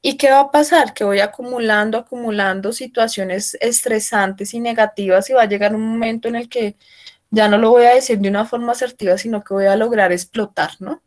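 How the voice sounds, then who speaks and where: Woman, slightly high voice, online trainer, speaks up loudly, explains step by step, checks in often. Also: steady tone, a little fast. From Colombia. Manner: explanatory, asks frequent check-in questions; speaking loudly for remote listeners. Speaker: workshop trainer.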